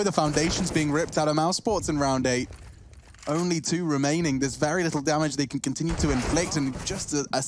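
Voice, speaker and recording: Urgent male esports caster, slightly high voice. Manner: dramatic, urgent delivery. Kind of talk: excited play-by-play esports commentary. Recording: clear noise behind the voice.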